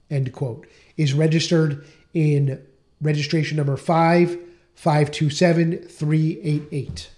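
A middle-aged man presenting a scripted lesson on trademarks, measured and explanatory, reading out registration numbers. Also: on the high side, darkish tone. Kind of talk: scripted educational talk.

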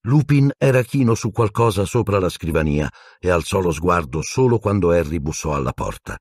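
A man narrating an audiobook in a steady, even storytelling voice, close to the mic. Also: low voice, moderate pace, slightly rough, no echo.

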